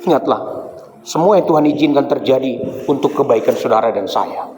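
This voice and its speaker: A man's voice: medium pitch, moderate pace, darkish tone, faint music behind. A man preaching as a pastor, mixing sung hymn lines with chuckling everyday stories. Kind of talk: sermon. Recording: echoey church hall with faint ambience.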